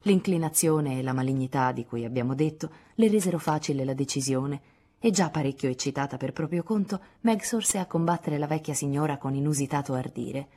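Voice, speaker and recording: A woman reading a classic novel aloud as an audiobook, in measured, expressive narration. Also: sits low, husky. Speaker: audiobook reader. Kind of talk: scripted literary narration.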